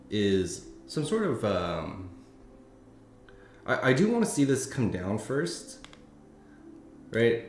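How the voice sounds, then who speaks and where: A man streaming live market commentary, thinking aloud with many fillers and restarts. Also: fairly low pitch. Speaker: futures trading streamer. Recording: echoey room with faint noise.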